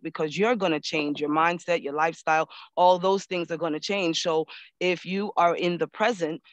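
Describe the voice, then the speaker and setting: A woman's voice: on the low side, dry recording. A woman guest speaker giving firm, assured advice on a video call. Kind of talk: advice and encouragement on a group call.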